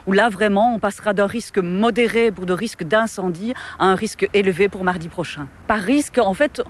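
A communications officer, a woman, explaining in a news clip, often repeating words as she searches for them. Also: medium pitch. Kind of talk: radio interview clip.

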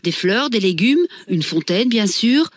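A woman giving calm, scripted narration for a radio report. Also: mid-range voice, unhurried, crowd noise.

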